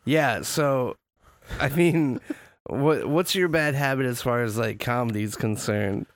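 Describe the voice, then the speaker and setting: A man's voice: medium pitch, slow, no room sound, studio quality. A man in his thirties co-hosting a casual podcast from a living room couch, loose and joking and laughing often. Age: 30s. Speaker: podcast co-host. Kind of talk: casual chat.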